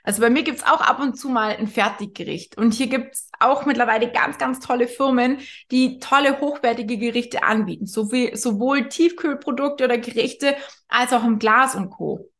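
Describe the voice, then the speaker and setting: A woman's voice: fairly high pitch, moderate pace, a bit bright. A woman nutrition coach giving casual spoken advice, chatty, with frequent tag questions and restarts. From Germany.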